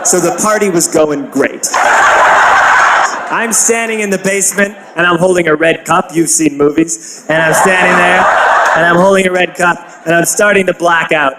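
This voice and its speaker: Animated man shouting punchlines. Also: sits high, normal speed, roomy sound, a loud crowd, heavy background noise. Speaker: comedian telling a story. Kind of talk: comedic storytelling.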